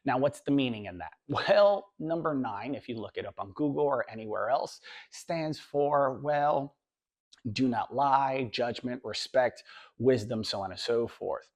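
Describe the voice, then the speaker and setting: Male teacher, hoarse voice still recovering, casual lecture delivery with frequent tag questions. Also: medium pitch, expressive. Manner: conversational, tag questions, drawn-out emphasis. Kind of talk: classroom lecture.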